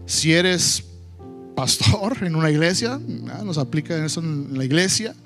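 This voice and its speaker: A pastor delivers his sermon slowly and deliberately, his voice sitting high for a man. He is animated, slipping into English phrases and sometimes acting out scolding his kids. It sounds like a church service. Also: faint music behind. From United States. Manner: animated, acts out scolding his children in high loud bursts; slips between Spanish and English.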